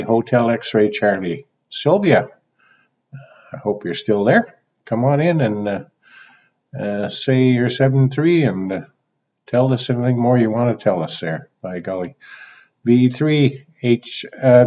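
Man on a fading shortwave radio signal. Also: medium pitch. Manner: easygoing, reads out call signs slowly in phonetic alphabet. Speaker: net control operator of an amateur radio net. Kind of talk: on-air radio net check-ins. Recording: narrow phone-like radio audio.

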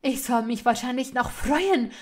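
A woman playing a young woman shouting in fury. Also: extremely slow. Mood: furious. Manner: shouting, high and strained. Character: young woman, furious, shrill and indignant.

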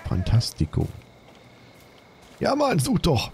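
A man commenting on his own gameplay, excitable, swearing and repeating panicked exclamations. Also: on the high side, slow, slight background noise. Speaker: let's play gamer.

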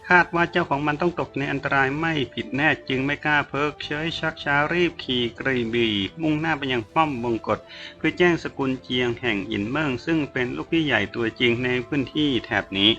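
A man narrating a novel as an audiobook in a measured storytelling manner. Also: on the high side, pushed and bright, lo-fi sound, faint music behind.

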